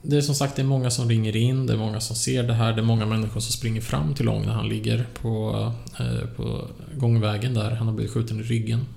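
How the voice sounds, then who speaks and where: A man's voice: fairly low pitch, flat delivery, vocal fry, hardly any pauses, mellow. A man co-hosting a casual true-crime podcast, hesitant with many fillers and restarts. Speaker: podcast co-host. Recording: echoey room.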